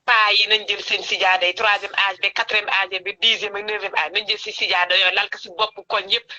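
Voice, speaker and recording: A woman's voice: medium pitch, flat delivery, fairly quick, pushed and bright. Senegalese woman calling in on speakerphone. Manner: insistent, repeats phrases for emphasis. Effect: phone call played over a speakerphone. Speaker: caller on a live stream. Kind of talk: impassioned political call-in.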